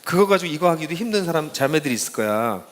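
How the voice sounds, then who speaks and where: Lively middle-aged male pastor. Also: on the high side, quick pace, long reverb tail. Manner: lively storytelling, casual speech to young listeners. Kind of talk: informal talk to students.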